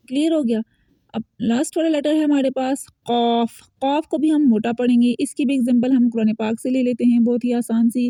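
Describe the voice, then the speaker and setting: A woman teaching Quran recitation online, explaining sounds and slowly repeating example words for her students. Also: on the high side, mellow, dry recording. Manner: patient, repeats words slowly and drills them. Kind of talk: online lesson, explaining and modeling pronunciation.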